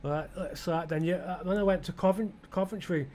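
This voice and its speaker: British male gaming creator, slightly raised pitch, loose meandering commentary full of self-questions. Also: brisk, a little mellow. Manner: musing aloud, asking himself questions, many restarts. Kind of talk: rambling flight-sim commentary.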